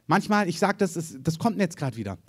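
Male pastor, slightly higher voice, animated storytelling sermon delivery. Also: quick pace, husky. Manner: lively storytelling preacher, mimics quoted voices.

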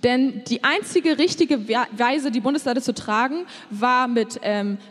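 A woman interpreting a sermon live, phrase by phrase, with the occasional hesitation while she searches for a word. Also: a little high. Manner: quick, with hesitations, echoes the preacher's acted voices. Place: church hall. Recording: reverberant church hall.

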